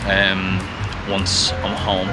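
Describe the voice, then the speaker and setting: A man's voice: deep voice, monotone, very slow. Chatty young man vlogging on city streets. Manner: chatty, explains plans as he walks. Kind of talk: casual travel vlog narration. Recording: music playing under the voice.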